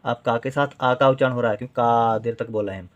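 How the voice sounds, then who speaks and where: A man's voice: mid-range voice, fairly even intonation, dull audio. A man teaching a Hindi writing lesson, patiently breaking words into syllables and stretching sounds out to show how they are spelled. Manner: patient, drawn-out syllables, repeats words slowly.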